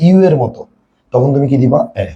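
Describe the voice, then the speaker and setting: A man's voice: mid-range voice, fairly quick, mellow, muffled recording. A man with a Bangladeshi Bengali accent, teaching a classroom lesson and repeatedly quizzing his students with questions. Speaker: English tutor.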